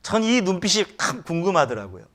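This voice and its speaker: A man's voice: high-pitched, sing-song, fairly quick. A man preaching a sermon as pastor in a church, often asking the congregation rhetorical questions. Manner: acts out quoted lines with sudden loud outbursts.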